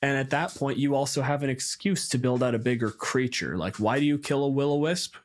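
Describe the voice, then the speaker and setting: A man with a medium-pitched voice hosts a podcast, talking a little fast. He speaks informally, explaining things during a casual panel discussion.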